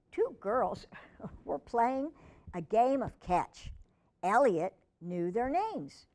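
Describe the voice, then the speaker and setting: A woman with a medium-pitched, slightly mellow voice reads a children's book aloud expressively during storytime. She adds chatty asides to her young listeners and to a pet.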